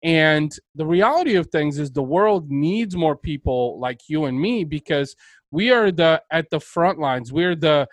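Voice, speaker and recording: A male podcast host with a fairly high voice. He talks with emphatic, motivational enthusiasm. The sound is dry and close, with almost no room around him. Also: lively intonation, a little slow, no echo, rough recording. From Bulgaria. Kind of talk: interview conversation.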